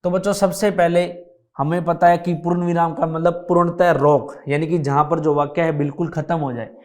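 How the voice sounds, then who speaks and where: Hindi teacher man, slightly high voice. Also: fairly even intonation. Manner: slow, repetitive explaining, addresses children often. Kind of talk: classroom grammar lesson.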